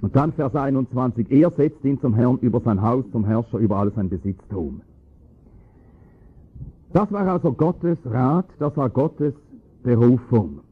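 A man preaching a sermon, explaining scripture with emphatic, rising stress on key points and a husky voice. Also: medium pitch, lively intonation, measured pace. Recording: tinny phone-like lo-fi recording.

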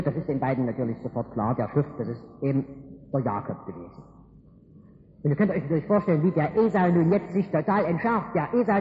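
A man's voice: sits high, a little hiss or hum. A man preaching a sermon, retelling a Bible story in a folksy, colloquial way. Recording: echoey hall over a tinny line.

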